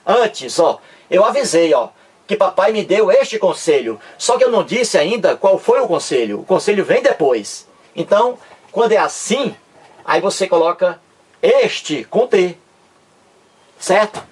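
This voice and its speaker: A man teaching grammar to online viewers in a casual lesson. He keeps saying "look here" and slows way down to stress example phrases. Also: sits high, big pitch swings, breathy edge.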